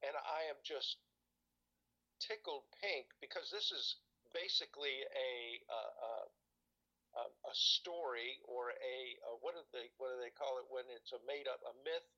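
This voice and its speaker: A man talks in a relaxed, rambling way, stopping often to hunt for the right word. His voice is bright and forceful, and the recording sounds a little dull and lo-fi. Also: mid-range voice, moderate pace. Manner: rambling, hesitant, searches for words. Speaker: guest recalling church experiences. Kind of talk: casual conversation.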